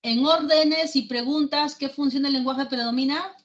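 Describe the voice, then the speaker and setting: A woman's voice: high-pitched, highs cut off, slight background noise. A woman with a Peruvian accent teaching a language class, walking students through each example with questions. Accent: Peruvian Spanish. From Peru. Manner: slow, explains step by step with questions to the class.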